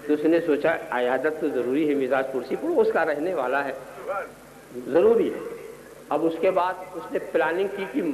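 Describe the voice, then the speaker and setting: A man preaching a sermon, telling humorous anecdotes and building to impassioned, shouted exhortations. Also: a little high, echoey room, low-quality recording. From Gujarat, India. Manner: storytelling, rising to impassioned shouts.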